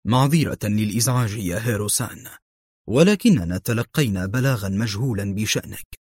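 A man doing a quiet, stern police inspector. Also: medium pitch, brisk, slightly rough, dry recording, studio quality, lightly acted. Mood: calm. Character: calm, shrewd male police inspector.

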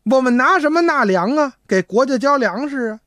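A man's voice: very high-pitched, expressive, normal speed, sharp tone, dry recording, clean studio sound, pitched above the performer's own voice, full character voice. A man voicing a timid old farmer of nearly sixty who is hard of hearing and pleads in a stammering, rustic way. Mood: pleading.

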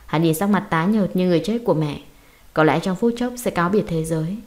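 Low-voiced woman narrating a dramatic audiobook. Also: fast, darkish tone.

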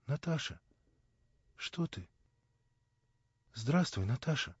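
A man voicing a shy, embarrassed young woman who speaks softly and quietly. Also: medium pitch, normal speed, dry recording, natural voice. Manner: hushed and soft. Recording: dull dry lo-fi recording.

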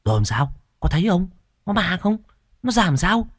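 A man voicing a curious, excitable twelve-year-old village boy who fires off eager questions in a spoken ghost story. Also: fairly high pitch, moderate pace, no echo, clean studio sound, voice pushed up.

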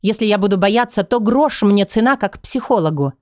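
A woman reading the lines of a calm, persistent female psychologist in an audiobook. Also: medium pitch, moderate pace, no echo, studio quality, natural voice. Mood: insistent.

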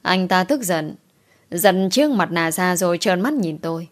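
A woman's voice: on the low side, expressive, measured pace. A woman narrating a first-person audio story in a wistful, emotional way.

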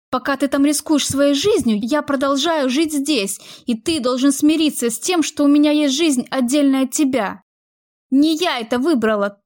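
A woman's voice: sits high, no room sound, clean studio sound, voice pushed up. A woman voicing a young woman in a heated argument with her partner, defensive and emotional. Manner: heated, pleading outbursts.

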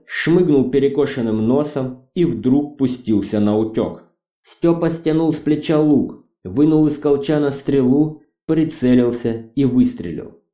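A man's voice: mid-range voice, mellow. A man narrating a story steadily, on a muffled recording made at a distance in an echoey room. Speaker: audiobook narrator. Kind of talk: scripted narration. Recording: muffled distant roomy recording, faint music.

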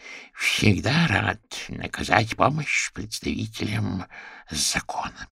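A man's voice: lowish voice, big pitch swings, slow pace, vocal fry, sharp tone, slightly rough, no room sound, clean studio sound, full character voice. A man voicing a learned old owl professor. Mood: measured.

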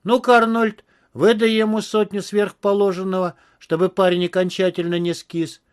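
A man's voice: high-pitched, level tone, moderate pace, clear, resonant tone, voice pushed up, close to an everyday voice. A man voicing a brash bull-headed male detective who teases and grows weary. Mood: exasperated. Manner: jovial, teasing, then weary.

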